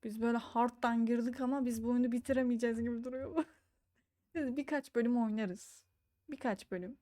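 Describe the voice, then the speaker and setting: A woman's voice: a little high, steady tone, a little fast, warm tone, no room sound, clean studio sound. A woman giving casual let's-play commentary, swearing, joking and reading game dialogue aloud. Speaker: gaming YouTuber.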